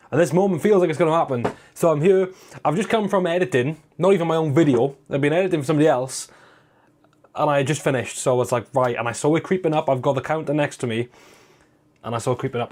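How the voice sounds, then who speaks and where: A British man chatting casually as a livestream host in a rambling, sweary, informal way, sounding tired and rough with a swollen lip. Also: on the high side, a little mellow. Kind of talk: casual livestream chat to viewers.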